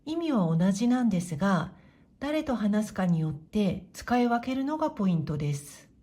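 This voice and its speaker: A woman teaching Japanese to beginners in a clear, patient way, modeling pronunciation slowly and encouraging learners. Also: mid-range voice, sing-song, warm tone. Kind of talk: slow, clear explanatory lesson.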